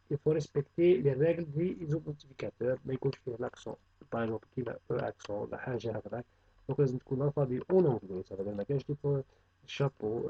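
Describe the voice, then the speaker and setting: Brief: male teacher, quick delivery, gravelly fry, lo-fi dull recording. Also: medium pitch. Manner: mixes French terms into Arabic speech. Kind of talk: programming lesson review.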